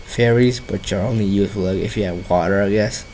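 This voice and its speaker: A man from Washington State with a nasal voice and a bad cold, giving rambling, halting gameplay commentary as a video creator. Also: fairly low pitch, fairly even intonation, a little mellow, a little hiss or hum, rough recording. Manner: rambling, halting, often restarts sentences.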